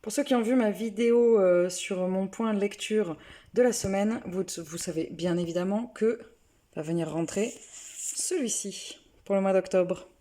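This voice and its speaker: Young woman, mellow voice, book vlogger who teases herself, in an echoey room. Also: medium pitch, unhurried. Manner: chatty, self-mocking, with many restarts. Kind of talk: casual chat to camera.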